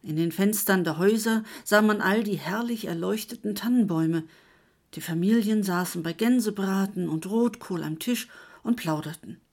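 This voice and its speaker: Female story narrator, measured delivery, medium pitch. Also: a little mellow. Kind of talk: scripted narration.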